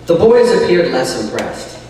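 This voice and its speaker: A man's voice: fairly high pitch, sing-song, a little slow, darkish tone, distant mic, a little hiss or hum. A man chatting and then reading his own novel aloud, sounding like he is in a cave through a cheap mic. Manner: chatty, rambling asides. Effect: cave-like echo.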